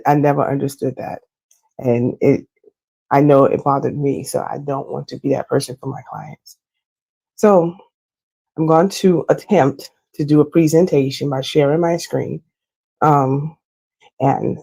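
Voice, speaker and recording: Woman, hoarse, husky, mellow, chatty explanatory walkthrough, loctician talking to clients. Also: low voice. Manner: chatty and explanatory, with frequent fillers. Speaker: loctician walking clients through her website. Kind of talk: casual screen-share walkthrough.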